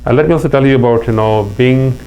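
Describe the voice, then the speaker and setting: This middle-aged man from Pakistan talks fast at medium pitch, his tone dark but clean, with a Pakistani accent. As a guest in a casual interview he shares earnest anecdotes and restarts frequently. The low-quality recording has a faint mains hum.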